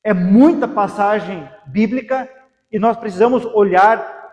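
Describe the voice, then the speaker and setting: A man's voice: sits high, unhurried, darkish tone. A man with a Brazilian Portuguese accent preaching a sermon as pastor, asking repeated rhetorical questions. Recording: echoey hall with long reverb.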